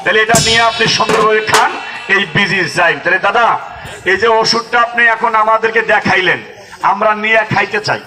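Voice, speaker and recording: A man with a Bangladeshi accent giving a loud, insistent, repetitive street sales pitch like a carnival barker, selling medicine. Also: brisk, far from the mic, poor audio. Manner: insistent, repetitive, chanting appeals to a crowd. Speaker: street medicine seller, canvasser. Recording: voice off the mic, music behind.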